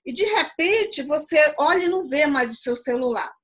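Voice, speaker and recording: A woman's voice: high-pitched, expressive, moderate pace, a bit bright. A Brazilian Portuguese woman teaching philosophy over a video call, explaining patiently and checking understanding often. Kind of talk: live online class.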